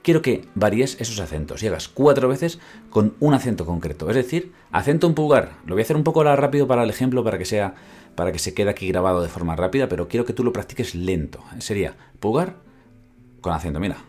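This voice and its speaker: A man's voice: on the low side, animated, quick pace, a little mellow. A man teaching classical guitar technique on a podcast, explaining step by step and often checking in with "¿vale?". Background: guitar playing between phrases.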